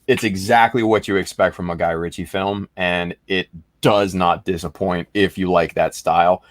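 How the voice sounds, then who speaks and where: A man's voice: low voice, fairly even intonation, moderate pace, no room sound. A man co-hosting a casual hobby podcast, chatting enthusiastically and rambling with many fillers. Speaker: podcast co-host. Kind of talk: casual chat.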